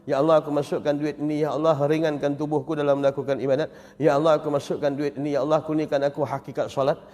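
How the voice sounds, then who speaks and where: A man's voice: fairly high pitch, flat delivery, fast, darkish tone, voice pushed down, natural voice. A man with a Malaysian Malay accent voicing an ordinary worshipper who murmurs repetitive, pleading prayers at a donation box. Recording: long reverb of a mosque hall.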